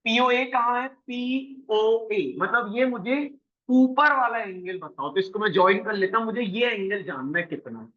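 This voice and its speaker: A man teaching a coaching class, briskly quizzing his students and mixing English math terms into his talk. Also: sits high, fairly bright tone, dull audio. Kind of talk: classroom lesson.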